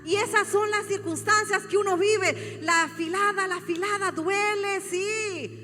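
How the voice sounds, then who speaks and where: High, bright-voiced woman pastor preaching. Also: steady tone, unhurried. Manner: fervent preaching, rising to shouts and calling out to the congregation. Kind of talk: sermon. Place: church sanctuary. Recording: long hall reverb with faint music.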